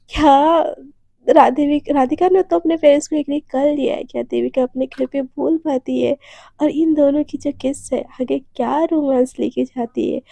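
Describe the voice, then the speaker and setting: A woman's voice: high-pitched, gravelly, warm tone, no room sound. A talkative woman telling a romance story in a casual way to her channel's listeners. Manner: chatty, talkative.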